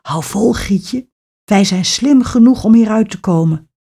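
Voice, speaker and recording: A woman's voice: medium pitch, a little slow, vocal fry, dark tone, breathy edge. A woman voicing a plucky young boy in a fairy tale, eager and exclaiming.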